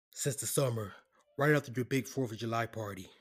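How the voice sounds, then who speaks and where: A man's voice: mid-range voice, a little slow, a bit bright, slightly rough. An actor playing an apologetic, defensive male lawyer. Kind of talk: audio drama acting.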